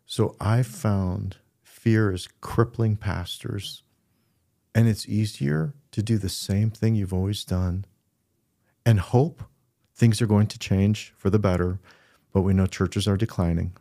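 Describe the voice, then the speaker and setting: A middle-aged pastor speaks earnestly in a low, gravelly voice, easing into stories and acting out what people said. His tone is dark and mellow. He is recorded dry and close on the mic. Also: takes it slowly, no room sound. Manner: earnest storytelling, acts out quoted voices. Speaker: pastor and podcast co-host. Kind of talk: casual podcast conversation.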